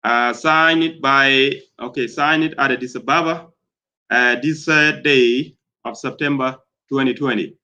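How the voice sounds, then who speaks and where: A man from South Sudan speaks in spoken commentary, his voice bright and forward at an ordinary middle pitch. He talks in a halting way, filling pauses with fillers and circling back over his phrases. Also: fairly even intonation, rough recording.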